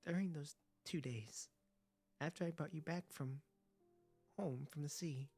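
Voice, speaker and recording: An actress playing a fragile, gentle, dying female sea creature in a video game, with a breathy, wavering voice. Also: sits low, measured pace, faint music behind, exaggerated voice. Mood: wistful, tender.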